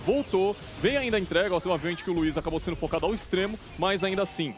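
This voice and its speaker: Brazilian male esports analyst, fairly high voice. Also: fast. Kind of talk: conversational live match analysis.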